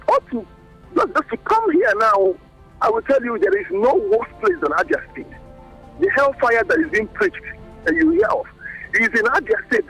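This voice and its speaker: A man's voice: very high-pitched, creaky, a bit bright, rough recording. A man calling into a radio show and speaking emphatically. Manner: emphatic, building into heated speech. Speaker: radio caller. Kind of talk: phone-in call.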